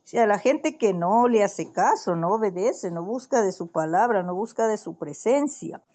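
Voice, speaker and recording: A woman's voice: medium pitch, expressive, normal speed, mellow. A woman in a casual Bible study conversation, telling a story in an earnest, rambling way with many restarts.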